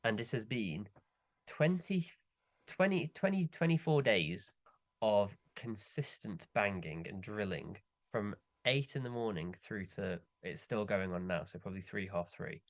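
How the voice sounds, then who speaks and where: Lower-voiced young man ranting. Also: animated, unhurried. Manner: ranting, exasperated complaining. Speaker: podcast co-host. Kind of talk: casual chat.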